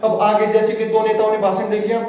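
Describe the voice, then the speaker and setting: A man teaching a shorthand lesson who asks his viewers questions and answers them himself, dictating example sentences slowly word by word. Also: high-pitched, completely flat delivery, dark tone, very echoey, distant mic, rough recording. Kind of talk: video lesson.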